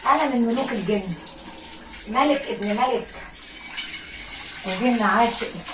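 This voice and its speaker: A woman with an Egyptian accent voicing a possessive male jinn king who speaks in a low, pressing murmur. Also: unhurried, reverberant, distant mic, noisy background, natural voice.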